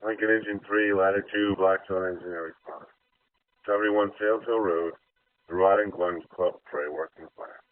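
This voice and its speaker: A man's voice: deep voice, fairly even intonation, moderate pace, clean tone. A man working as a fire dispatcher, procedurally repeating messages back over a two-way radio. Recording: distant, tinny narrowband radio channel.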